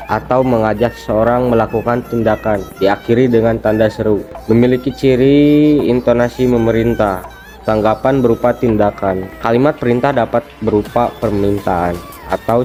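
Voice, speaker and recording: A teenage boy from Indonesia, a student presenting a grammar lesson as steady reading of definitions and examples. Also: medium pitch. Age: teens.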